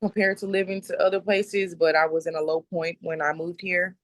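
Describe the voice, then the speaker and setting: Soft-spoken woman, slow and plain. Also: fairly low pitch, level tone, no room sound. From South Dallas, Texas. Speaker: interviewee, mother. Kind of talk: personal interview.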